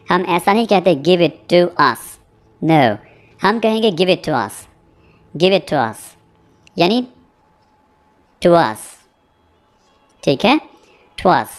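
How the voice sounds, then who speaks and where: A man teaching a spoken English lesson. He repeats example sentences slowly and checks in often with "theek hai.". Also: high voice. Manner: explains with frequent "theek hai" check-ins.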